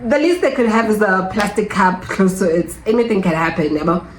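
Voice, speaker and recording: A woman's voice: medium pitch, brisk. A young South African woman with a South African accent, telling a personal story in a casual vlog and acting out other people's lines. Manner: animated, switches between English and Zulu, acts out voices of nurses. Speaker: vlogger. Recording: echoey room with faint background hum.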